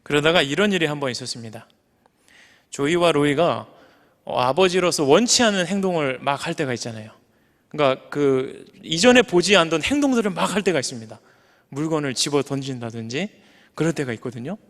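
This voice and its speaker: High-voiced earnest male pastor preaching. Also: animated, a little fast, a bit bright. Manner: earnest, builds to high emphatic peaks. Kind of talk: sermon. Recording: long church reverb.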